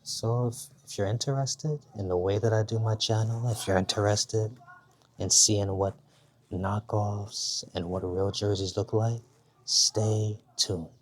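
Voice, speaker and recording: A man giving a casual show-and-tell of sports jerseys at home, talking in an unhurried, halting way and repeating words. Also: fairly low pitch, fairly even intonation. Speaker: jersey reviewer. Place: home, with his baby nearby.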